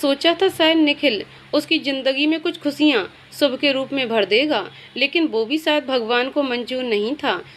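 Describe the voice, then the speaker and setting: A woman's voice: sits high, moderate pace, hardly any pauses, fairly bright tone, slight background noise. A woman voicing a worried, loving older mother in a storybook reading. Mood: sorrowful.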